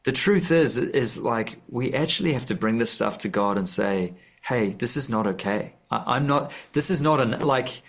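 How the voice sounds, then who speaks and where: An author and musician speaks earnestly in a radio studio interview, his male voice medium in pitch, animated and a little bright. He keeps a moderate pace with few pauses, yet often restarts and corrects himself as he hunts for words in this reflective conversation.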